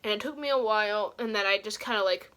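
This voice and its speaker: A woman's voice: medium pitch, fast talker, fairly bright tone, low-quality recording. A young woman vlogger chatting casually and ramblingly to camera, talking awkwardly with a swollen, sore cheek as if after dental work. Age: young adult. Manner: rambling, informal. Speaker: beauty vlogger.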